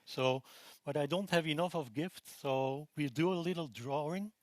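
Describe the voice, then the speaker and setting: This is a man in his forties from Belgium, presenting at a technical conference. His voice sits somewhat high for a man and the sound is dry with no room echo. He talks in a relaxed way, with plenty of ums and restarts. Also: normal speed. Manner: relaxed, with frequent fillers and restarts.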